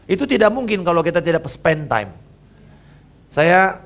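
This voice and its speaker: A man in his fifties, a pastor preaching a sermon in a lively way and joking with the congregation. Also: high-pitched.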